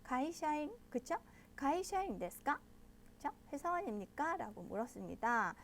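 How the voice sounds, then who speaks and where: A woman's voice: high-pitched, expressive, slight background noise. A woman teaching a language lesson, explaining patiently step by step and checking in with her listeners often. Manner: models pronunciation slowly and loudly.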